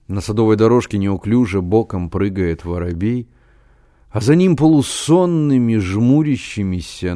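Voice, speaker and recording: A man reading a novel aloud as an audiobook narrator, calm and unhurried. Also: fairly low pitch.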